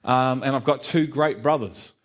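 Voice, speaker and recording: A man's voice: medium pitch, normal speed. Earnest middle-aged Liverpudlian man. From Liverpool, England. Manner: earnest, heartfelt, with light asides to the congregation. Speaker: guest speaker giving testimony. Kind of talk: church testimony.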